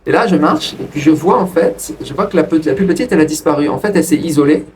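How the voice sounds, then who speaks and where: A man casually telling a personal story to his viewers in a rambling way, with frequent restarts. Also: fast. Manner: rambling, restarts, lively pitch jumps. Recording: distant from the mic with faint ambient noise.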